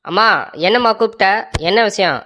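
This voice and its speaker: A woman voicing a soft-hearted young husband who sweet-talks his wife in a cartoon comedy. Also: mid-range voice, a little fast, slight background noise, close to an everyday voice. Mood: doting. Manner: sweet-talking, pleading, calls his wife "darling".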